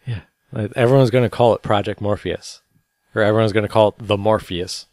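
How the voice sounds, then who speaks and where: Laid-back low-voiced podcast host. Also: male voice, brisk, dry recording. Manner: relaxed, rambling, many fillers. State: tired. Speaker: podcast co-host reading news. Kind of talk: casual chat.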